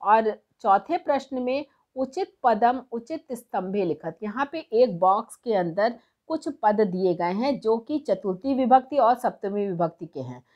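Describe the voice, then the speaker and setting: A woman's voice: a little high, expressive, darkish tone, lo-fi sound. Patient woman tutor explaining exercises. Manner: patient, step-by-step explanation, slows to read verses aloud. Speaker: Sanskrit tutor.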